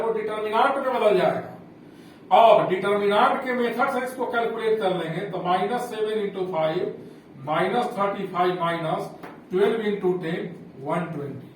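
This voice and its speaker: A man with a fairly high voice works through a maths lesson, going step by step and asking questions back to his class. He sounds some way from the microphone, and the room rings with strong echo. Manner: explains step by step, repeats and asks rhetorical questions. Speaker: maths teacher. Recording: echoey room, heard from a distance, faint hum.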